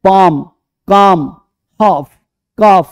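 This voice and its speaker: A man's voice: sits high, drawn-out words, clear, resonant tone. A man teaching a class, who quizzes the students, answers his own questions and repeats each point, calling students by affectionate terms. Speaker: English teacher.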